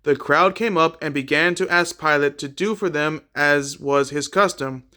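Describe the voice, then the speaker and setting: A man reading a Bible chapter aloud in a plain, unhurried way, with a few small slips and repeated words. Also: on the high side, sharp tone. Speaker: scripture reader.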